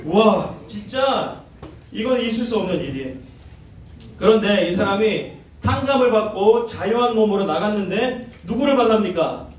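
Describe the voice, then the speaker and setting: A male youth pastor preaches with a high-set voice, stopping often to question his listeners. He is heard from some distance in a strongly echoing church hall. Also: expressive, normal speed. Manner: asks the audience questions, acts out quoted voices. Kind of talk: interactive sermon to teens. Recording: very echoey hall, heard from afar.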